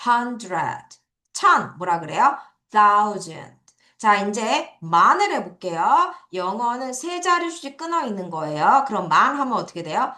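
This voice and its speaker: A woman's voice: mid-range voice, very animated, unhurried, sharp tone, echoey room. A woman teaching English number words to children in a recorded lesson, asking questions and answering them step by step. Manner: explains step by step with quiz questions to students. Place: classroom at an academy.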